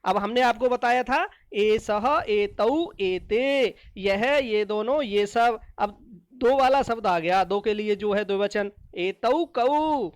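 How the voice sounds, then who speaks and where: A woman teacher explaining a lesson to children, slowly repeating each word and asking questions that she answers herself. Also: mid-range voice, dry recording, studio quality. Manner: slow and repetitive, asks questions then answers them.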